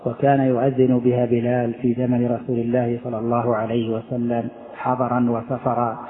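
A man's voice: mid-range voice, completely flat delivery, a little fast. Male sheikh teaching, questions the class, middle-aged, phone-like lo-fi audio. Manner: explains, asks the class questions. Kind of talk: lesson commentary. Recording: tinny phone-like recording.

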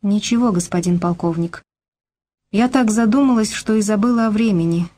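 A woman's voice: medium pitch, moderate pace, dark tone, natural voice. A woman reading an audiobook, voicing a passionate young Polish maid who speaks with raised emotion. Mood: wistful. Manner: pleading then fiercely accusing.

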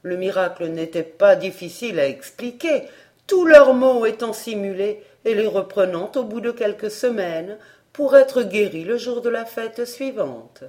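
A woman narrates a storybook audiobook at an unhurried pace. Her reading is measured and expressive, and her pitch rises and falls in wide, lively arcs. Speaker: audiobook reader.

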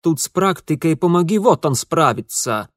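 A man's voice: on the high side, lively intonation, normal speed, no room sound, clean studio sound, voice pushed up, lightly acted. A man reading an audiobook, voicing Ingvar, a prickly, indignant young nobleman, in a raised, sharper voice. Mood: huffy. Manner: indignant, snappish. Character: prickly, huffy young nobleman, tied up and sulking.

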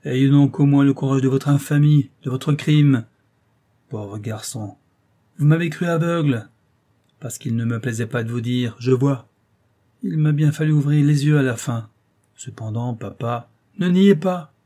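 A man voicing an anguished middle-aged contractor father in an audiobook, speaking loudly in a hoarse, clipped, emphatic way. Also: mid-range voice, fairly even intonation, normal speed, natural voice. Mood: indignant. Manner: loud, grieving, emphatic pleading. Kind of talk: audiobook character voice.

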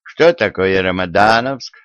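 A man doing a proud commanding tsar, archaic speech, low voice, slow and animated, dry dull audiobook sound. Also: clean tone, dry recording. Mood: interrogating. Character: proud, blustering old-fashioned tsar.

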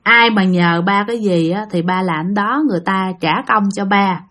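A woman's voice: medium pitch, moderate pace, a bit bright. A woman telling ghost stories in a chatty, vivid way, addressing her listeners directly. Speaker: storyteller. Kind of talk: casual spooky storytelling narration.

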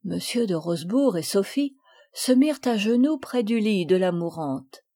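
Woman, audiobook narrator, measured clear reading, mellow dark voice. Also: medium pitch, expressive. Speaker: audiobook reader. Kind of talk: scripted narration of a classic novel.

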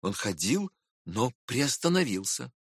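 A man narrating a classic novel in measured, expressive first-person storytelling. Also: mid-range voice, breathy edge, no room sound, clean studio sound. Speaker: audiobook narrator.

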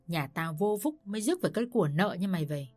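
A woman's voice: on the low side, sing-song, quick pace, darkish tone, soft background music. A woman voicing an abusive older mother-in-law who screams insults, in a storybook reading. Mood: furious.

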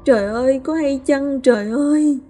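A woman's voice: a little high, a little slow, warm tone, in a large hall, faint music behind, voice pushed up, close to an everyday voice. A woman voicing a grief-stricken young man who wails and sobs out his remorse to his mother. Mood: wailing, remorseful. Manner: wailing, sobbing laments.

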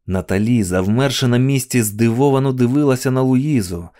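A man narrating an audiobook dramatically, dropping to a hush in tense passages. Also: mid-range voice, brisk.

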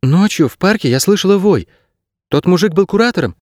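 Brief: male reader doing a curious, chatty teen girl in an audiobook, high and lively. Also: brisk, no echo, clean studio sound. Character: frightened teenage schoolgirl, curious and chatty.

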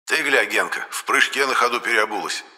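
A man's voice: mid-range voice, brisk, pushed and bright, long reverb tail, pitched above the performer's own voice. A man voicing a cheeky, streetwise male spirit companion who talks in brash slang.

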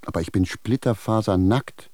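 An actor playing a confused, blunt village shoemaker who speaks plainly and indignantly in a radio drama. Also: male voice, fairly low pitch, normal speed, warm tone, no room sound, clean studio sound, natural voice. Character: bewildered male village shoemaker, blunt, stubborn.

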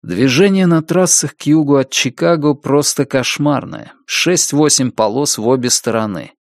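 A man reads an audiobook in a steady, measured way, his mid-range voice carrying a noticeable gravelly texture. The recording is dry and close, with no room sound around him. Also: medium pitch, no echo. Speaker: audiobook narrator. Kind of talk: scripted narration.

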